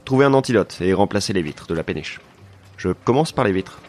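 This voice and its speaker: Deadpan low-voiced male narrator. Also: a little fast. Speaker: narrator and lead of a comedy podcast. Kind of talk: scripted comedic detective narration.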